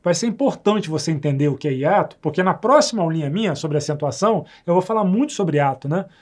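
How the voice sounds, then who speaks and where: Patient Brazilian teacher, slightly high voice. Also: male voice, expressive. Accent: Brazilian Portuguese. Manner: patient, repeats words slowly and checks with the viewer. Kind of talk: recorded grammar lesson.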